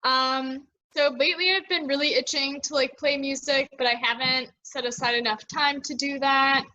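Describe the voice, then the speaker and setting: A woman's voice: high-pitched, steady tone, moderate pace, sharp tone, muffled recording. A woman chatting casually and then reading her own poems aloud at an online open mic, a bit self-deprecating between pieces. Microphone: video call.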